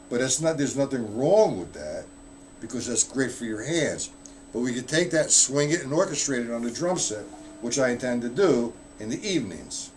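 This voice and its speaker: Some slight background noise sits under this man's mid-range voice. He's a drum teacher hosting a relaxed livestream, chatting his way through rudiments and responding to people in the chat.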